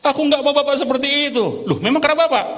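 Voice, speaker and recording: A man's voice: high-pitched, very animated, brisk, voice pushed up. A preacher voicing a tearful, reproachful young girl with a whiny, pleading voice. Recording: reverberant church hall with music.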